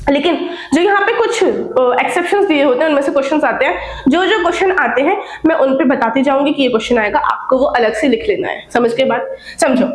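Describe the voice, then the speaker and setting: A young woman teacher giving a brisk, exam-focused classroom lecture, often checking in with her students, while coughing from a slight cold. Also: high voice, roomy sound, low-quality recording. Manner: brisk, addresses students as beta and bhai, checks with "theek hai?".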